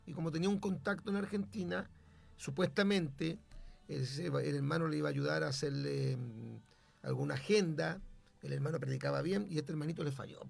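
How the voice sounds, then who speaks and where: A man's voice: a little high, fairly quick, creaky, soft background music. A man, a pastor and radio host, telling a testimony in an emphatic, preacherly way. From Chile.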